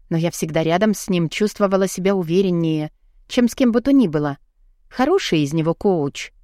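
A woman's voice: lowish voice, dark tone, no echo, studio quality. Woman reading a first-person audiobook. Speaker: audiobook narrator.

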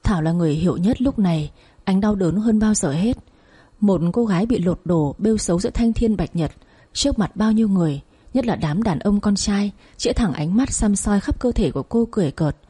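A woman narrating a dramatic audio story in a steady, emotive way. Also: medium pitch, brisk, husky.

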